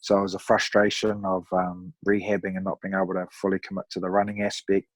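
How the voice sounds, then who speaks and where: A man in his thirties with a broad New Zealand accent, chatting casually as a podcast guest in a laid-back, matey, rough-around-the-edges way. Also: sits low, completely flat delivery, quick pace, dry recording. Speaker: podcast guest, amateur endurance athlete. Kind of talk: casual conversational storytelling.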